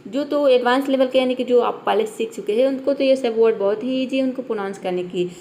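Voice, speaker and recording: A woman's voice: fairly high pitch, fast talker, dark tone, slight background noise. A young woman teaching English in Hindi with a Hindi accent. She explains patiently, often checks in and answers her own questions. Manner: patient, repeats "ठीक है" and asks herself questions. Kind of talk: classroom-style explanation.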